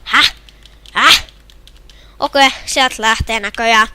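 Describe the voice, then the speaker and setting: A young woman with a Finnish accent commenting on her own hockey video game match, shouting and groaning at the plays. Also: fairly high pitch, fairly even intonation, smooth, dry recording. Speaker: gamer. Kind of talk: gameplay commentary.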